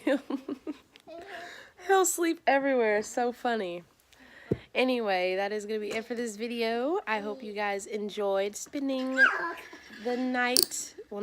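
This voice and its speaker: A young woman, a stay-at-home mom, chatting playfully and teasingly in a casual home vlog at bedtime. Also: medium pitch. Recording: home video with clear background noise.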